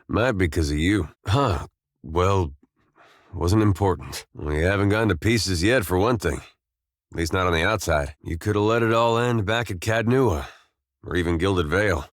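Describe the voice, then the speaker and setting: A deep-voiced man, recorded very dry, plays a gentle, loyal, somewhat world-weary farmer turned adventurer in video game companion dialogue. His folksy, plain talk carries hesitant, understated dry humor, and his mood moves from uneasy and confiding to earnest and musing.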